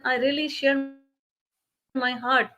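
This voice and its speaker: A woman's voice: sits high, level tone, sharp tone, soft background music. Woman on a staticky, breaking-up call. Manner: halting, with frequent restarts. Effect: staticky, breaking-up call connection. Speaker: panel speaker. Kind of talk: earnest spoken remarks on a video call. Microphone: video call.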